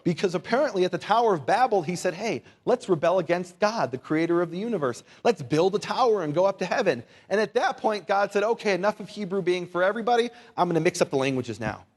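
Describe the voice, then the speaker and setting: Here a Bible teacher and lecturer, a native English-speaking man, talks fast and expressively in a high register, barely pausing. His informal lesson for a live audience is chatty and wryly funny, peppered with rhetorical questions and requests that listeners say words back.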